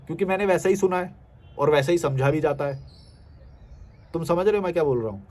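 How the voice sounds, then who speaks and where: A man's voice: fairly high pitch, fast, a little mellow. A man in a casual rant reacting to viewer comments, scornful and blunt, firing rhetorical questions at the listener. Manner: scornful, mocking, blunt and coarse. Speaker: social media commentator.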